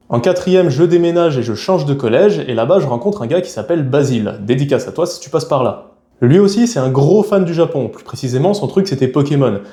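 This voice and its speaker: A man's voice: mid-range voice, mellow, echoey room. A young man from France talking frankly and casually to camera in a vlog, with a chatty, slangy way of speaking. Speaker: YouTuber.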